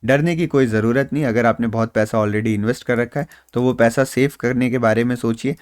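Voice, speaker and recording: A stock market trader who hosts a YouTube channel gives a casual rundown of market moves, calmly reassuring viewers and slipping English phrases into his talk. His middle-pitched voice has a clean tone and moves a little fast. The recording is close-miked and dry, with no room sound at all.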